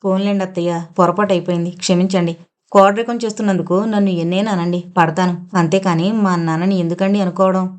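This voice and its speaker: Audio novel: woman reading a gentle, tearful young wife, soft and pleading. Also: on the low side, steady tone, fast, lightly acted. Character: meek tearful young daughter-in-law.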